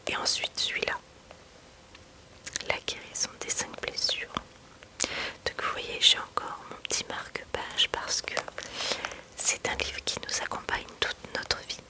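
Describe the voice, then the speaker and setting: A woman speaking in a soft library whisper as an ASMR host, presenting books in a chatty way and reading passages aloud. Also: low-quality recording. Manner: unhurried, chatty delivery mixed with reading aloud.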